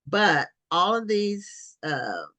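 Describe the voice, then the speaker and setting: Woman, interview host, very low voice, slow pace, unhurried, affirming. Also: very animated, sharp tone. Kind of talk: interview conversation.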